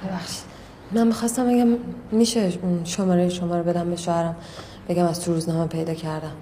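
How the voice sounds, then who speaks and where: An actress playing a quick, courteous woman. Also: on the low side, fairly even intonation, warm tone, slight background noise, lightly acted. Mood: polite. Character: polite woman asking a favor. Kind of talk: film dialogue.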